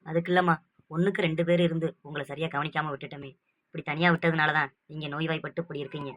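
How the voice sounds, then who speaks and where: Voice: medium pitch, little pitch movement, fast talker, fairly bright tone, no room sound, lightly acted. An actor voicing a devoted adult elder son who speaks earnestly and emotionally to his sick mother.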